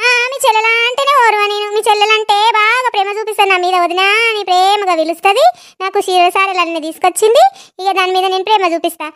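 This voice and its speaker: A woman playing a quarrelsome, jealous village wife who scolds in fast, rapid-fire complaints. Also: extremely high pitch, steady tone, fairly bright tone. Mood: complaining.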